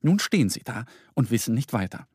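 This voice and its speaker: A man reading a children's story aloud in an expressive, lively scripted narration. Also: mid-range voice, fairly quick, breathy edge, dry recording, studio quality.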